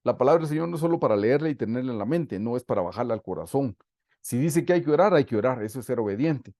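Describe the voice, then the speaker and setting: Man, earnest Bible study sermon, warm mellow tone, dry close sound. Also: medium pitch, expressive, fast, no room sound. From Guatemala. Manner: earnest, addresses listeners as brothers, repeats for emphasis. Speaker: preacher and Bible teacher. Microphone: computer mic on a video call.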